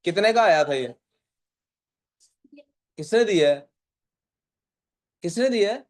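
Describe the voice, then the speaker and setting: A man's voice: high-pitched, lively intonation, slow pace. A man teaching a physics class. He reads questions out in English, explains them in Urdu and keeps quizzing his students. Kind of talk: classroom lecture.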